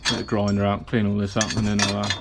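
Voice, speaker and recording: Over very noisy audio, a British-accented man with a fairly low voice talks quickly in a monotone. He's building a race car in a hot garage workshop while narrating a casual vlog, chatty and rambling with lots of fillers, a bit breathless from the heat.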